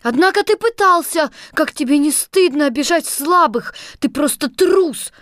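A brave little girl, played by a woman, high and bright as she scolds in righteous anger. The storybook delivery is close and dry, with no room around it. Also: animated, moderate pace, no room sound. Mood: indignant. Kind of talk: dramatized audiobook reading.

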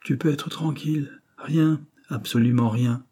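Confident detective, reassuring; read by a man with a dark, husky voice. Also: medium pitch, fairly even intonation, unhurried, pitched above the performer's own voice. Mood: assured. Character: calm, assured male detective.

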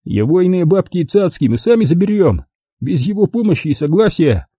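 Pitching his voice well above its natural level, a male reader plays a sneering, swaggering detective sidekick with lively, husky, dark-toned menace and a slightly fast delivery. It's a full character voice whose mocking, blustering threats rise and fall, captured in a close, dry, audiobook-style studio recording.

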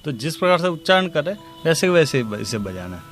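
A man teaching tabla in a spoken music lesson, calmly explaining rhythm cycles and slowly reciting the drum syllables. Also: on the high side. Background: tabla playing.

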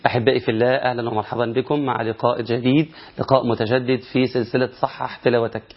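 A man with an Egyptian Arabic accent teaching Quran recitation rules in a lively, question-and-answer style, drawing out words to demonstrate them. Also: mid-range voice, rapid-fire, highs cut off. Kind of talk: colloquial recitation lesson.

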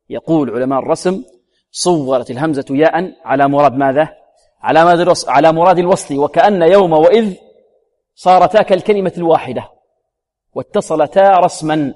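A man teaching Quran recitation rules, quizzing his listeners with repeated questions and slowly demonstrating each sound. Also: on the high side, darkish tone. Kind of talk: tajweed lesson. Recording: long reverberant hall.

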